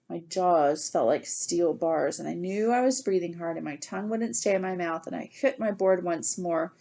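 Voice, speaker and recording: A woman reading a novel aloud in the first person, with lively, expressive storytelling. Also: fairly low pitch. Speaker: reader.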